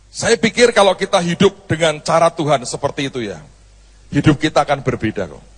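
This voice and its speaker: A male pastor delivers a sermon, telling a story and acting out each person's lines with changing voices. His voice is high and a little husky, and it carries a long reverb from a church hall. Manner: storytelling, acts out dialogue with shifting voices.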